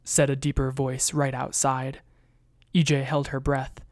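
A narrator reading a webnovel as an audiobook in a steady, even storytelling manner on a close mic. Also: medium pitch, a little slow, no room sound.

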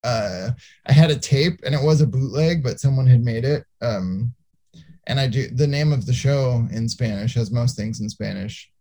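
Mellow-voiced man in casual chat. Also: mid-range voice, normal speed. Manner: chatty, laughs often, quotes others in retelling.

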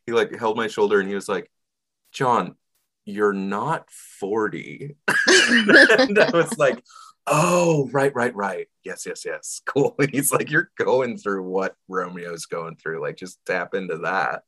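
Brief: man, mid-30s, co-host, very deep, unhurried, rambling anecdotes with fillers. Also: very animated, sharp tone. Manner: wordy storyteller, hesitant with many ums. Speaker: podcast co-host. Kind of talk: casual chat.

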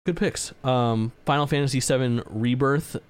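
A mid-range voice with a clean tone at normal speed belongs to a man in his twenties co-hosting a gaming podcast. He keeps it casual and easygoing, swearing often and laughing readily.

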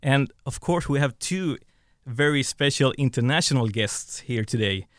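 Smooth-voiced man hosting. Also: medium pitch, expressive, normal speed, fairly bright tone, no echo, studio quality. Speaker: host. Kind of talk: welcoming guests.

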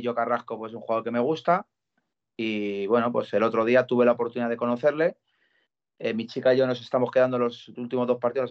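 Man telling a lively story. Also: mid-range voice. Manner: animated storyteller, quotes others in dialogue. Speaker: football fan telling a story. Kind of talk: casual radio-style talk. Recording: dull lo-fi sound.

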